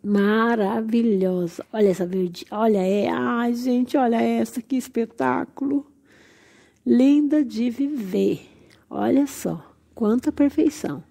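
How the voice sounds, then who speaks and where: A woman gushes over each thing she shows in a casual vlog, her voice nasal and congested from a cold. She talks slowly and unhurriedly, with a slightly high pitch and a gravelly fry, and the tone stays dark and mellow. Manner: effusive, gushing exclamations. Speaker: channel host. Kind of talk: casual plant-tour vlog.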